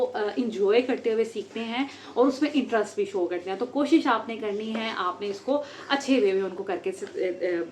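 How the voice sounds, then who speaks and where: A woman giving a phonics lesson at home, sounding out letters slowly and with care. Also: on the high side, a little hiss or hum. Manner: slow, drawn-out sounding of letters. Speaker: homeschool teacher.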